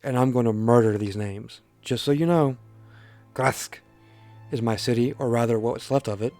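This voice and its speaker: A man with a mellow, warm voice hosts a casual let's play. He reads the game's story text aloud in a plain voice and breaks off for joking asides. Faint music plays behind him. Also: mid-range voice, moderate pace, no room sound. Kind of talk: casual game reading commentary.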